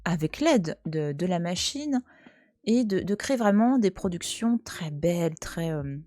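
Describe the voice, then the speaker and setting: A woman's voice: lowish voice, expressive, measured pace, dark tone, no room sound, clean studio sound. A French woman in her thirties, chatting casually and teasingly on a live stream from home, talking back to her chat. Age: 30s. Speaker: Twitch streamer. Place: at home, cat nearby.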